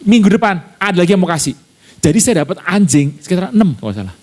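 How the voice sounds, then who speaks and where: A middle-aged man preaches by telling a personal anecdote, animated and conversational. His voice sits somewhat high for a man. It swings widely in pitch as he slips in and out of quoted dialogue. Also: quick pace. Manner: lively anecdotal storytelling, acts out family dialogue. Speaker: pastor. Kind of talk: storytelling sermon.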